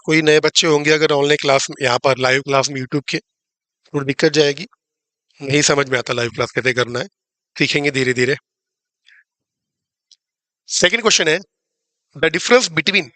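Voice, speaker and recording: A male maths teacher, talking a little high for a man. He walks through each step slowly and says it again, with the odd joke for his online students. The sound is close and dry, with no room in it. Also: pushed and bright, dry recording. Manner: explains step by step and repeats key points; chatty, jokes with students about the live class. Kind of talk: live online class teaching.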